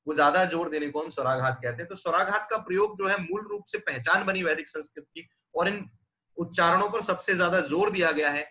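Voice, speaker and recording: Male lecturer from India, patient and explanatory, high pitch, repeats and demonstrates sounds. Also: pushed and bright. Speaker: teacher. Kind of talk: classroom lecture.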